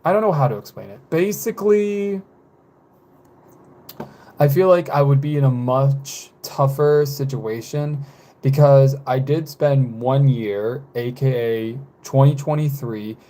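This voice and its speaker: This man in his twenties talks loosely with his live audience, meandering and unsure, peppering his speech with fillers, corrections and quiet laughs. He has a mid-range voice and keeps a measured pace.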